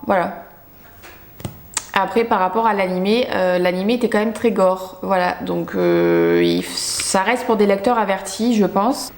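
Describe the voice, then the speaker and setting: A woman's voice: mid-range voice, a little mellow. A young woman chatting casually about the books she bought, talkative and self-mocking with lots of fillers. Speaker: book vlogger. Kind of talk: casual book haul chat. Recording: echoey room.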